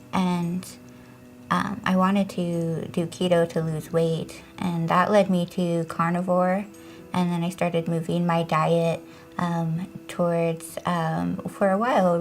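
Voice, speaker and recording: A woman giving an interview testimonial, speaking haltingly with many fillers. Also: on the low side, a little mellow.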